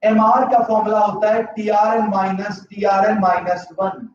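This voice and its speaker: He has a high voice and a flat delivery at a measured pace. During a live online economics class he talks through a sore throat, weaves English terms into his explanations and checks in with students using yes-or-no questions. The recording sounds distant, echoey and slightly dull.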